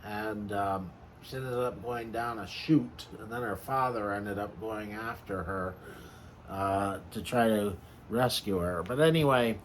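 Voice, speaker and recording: Slow, halting man retelling a film. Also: fairly low pitch, slight background noise, poor audio. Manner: halting, hesitant storytelling in formal wording. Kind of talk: casual chat retelling a film.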